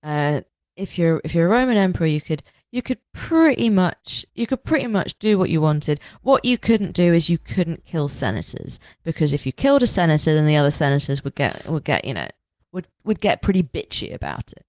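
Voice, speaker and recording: A woman's voice: low-pitched, big pitch swings, fairly quick, a little mellow, dry recording. A woman co-hosting a podcast in casual chat, swearing freely and often restarting her sentences. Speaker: podcast co-host.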